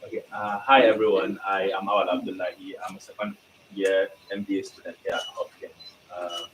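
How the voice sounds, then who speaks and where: A man's voice: low voice, little pitch movement, fairly quick, a bit bright. Young man asking from an echoey hall. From Nigeria. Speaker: graduate business student asking a question. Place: large lecture hall. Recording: echoey hall, far mic, faint hum.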